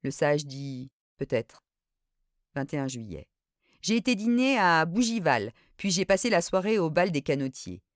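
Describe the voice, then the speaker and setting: A woman reading a literary story aloud in an expressive, dramatic way. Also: deep voice, normal speed, no room sound, clean studio sound. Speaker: audiobook reader.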